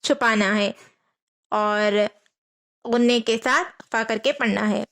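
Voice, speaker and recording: A woman teaching a Quran reading lesson, patiently repeating each rule, asking her students questions and slowly spelling out letters. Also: fairly high pitch, fairly bright tone. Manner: patient, repeats rules and asks rhetorical questions.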